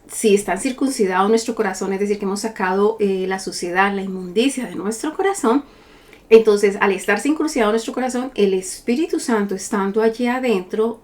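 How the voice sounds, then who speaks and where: A middle-aged woman teaching a Bible study, reading scripture slowly and emphatically and posing rhetorical questions. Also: medium pitch.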